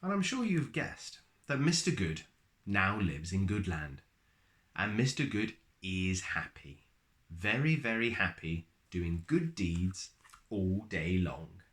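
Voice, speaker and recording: A man with a low voice narrates a children's picture book aloud. His expressive storyteller's manner relies on dramatic pauses and words stretched out for effect.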